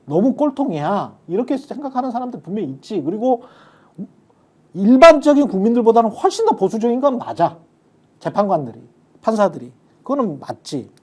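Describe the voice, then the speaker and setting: A man's voice: sits high, sing-song, fairly quick, dark tone. A man on a political talk show, giving his views emphatically and drifting into blunt casual speech.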